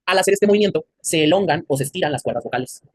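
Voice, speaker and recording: A man with a Mexican Spanish accent teaches an anatomy class in a fairly high, husky voice, talking very fast and animatedly. He quizzes his students and cracks jokes in crude slang during the lecture. There is no room sound.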